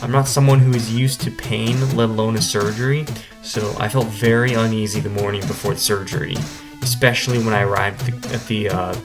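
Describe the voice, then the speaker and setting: A man's voice: lowish voice, fairly even intonation, fairly quick. Male vlogger telling his story over music. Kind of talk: casual retrospective storytelling to camera. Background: instrumental music.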